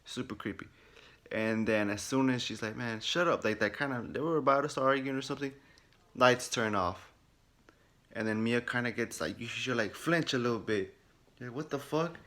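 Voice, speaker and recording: Man, gaming vlogger, casual recap, lots of cursing, lively retelling, mid-range voice, at home. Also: medium pitch, normal speed. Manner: animated storytelling, heavy swearing, acts out reactions. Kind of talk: casual game first-impressions recap. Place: at home in his room.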